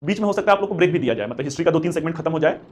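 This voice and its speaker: A male history teacher runs a live class for exam aspirants, talking at a rapid clip in a fairly high voice. He is encouraging and chatty and calls his students beta. He slips English phrases into his explanations. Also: lively intonation. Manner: mixes Hindi with English terms. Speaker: history teacher for civil service exam coaching. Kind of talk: live online class with chat questions.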